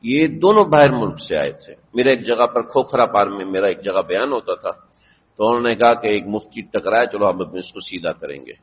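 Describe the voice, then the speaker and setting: A man's voice: fairly low pitch, animated, slight background noise. A man preaching a sermon as a mufti, earnest and storytelling, rising to emphatic exhortation. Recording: dull lo-fi audio with long hall reverb.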